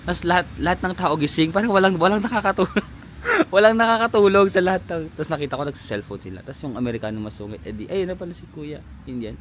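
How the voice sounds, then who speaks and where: A man's voice: high-pitched, lively intonation, fast talker, slight background noise. A man, chatting animatedly in a casual travel vlog outdoors, laughing often. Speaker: travel vlogger. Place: outdoors in a lakeside village.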